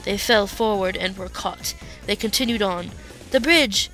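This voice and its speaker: A woman's voice: medium pitch, steady tone, moderate pace, a bit bright, soft background music. A woman reading fan fiction aloud in plain storytelling. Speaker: reader.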